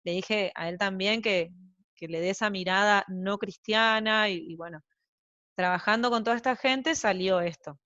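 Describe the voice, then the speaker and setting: Speaking at normal speed with a medium pitch and a sharp tone, an Argentine woman guests on a casual interview as a translator. She is young adult to middle-aged, has young children, and talks in a rambling, chatty way packed with fillers and digressions. The recording is dry and muffled.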